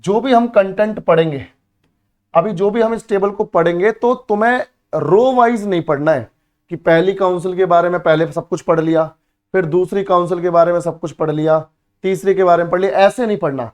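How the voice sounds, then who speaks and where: Male coaching teacher, higher-pitched voice, drills terms by repetition, quizzes his students and answers his own questions. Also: a little fast, darkish tone. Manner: repeats key words for drilling, calls students beta and bhai; asks students questions then answers himself. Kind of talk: exam-prep history lesson.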